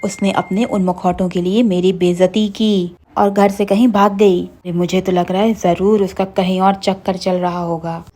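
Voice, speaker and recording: Woman playing a panicky young husband, shrill screaming voice, stammering, cartoon horror tale. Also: level tone, normal speed, hardly any pauses, mellow, natural voice. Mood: angry. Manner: stammering, shrieking cries for help.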